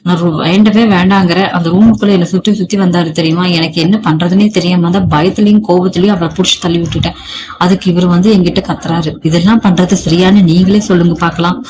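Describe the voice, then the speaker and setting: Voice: medium pitch, steady tone, fast, background noise, lightly acted. A narrator reading as a defiant young wife. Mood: hurt, indignant. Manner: sharp, scolding. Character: defiant angry young married woman.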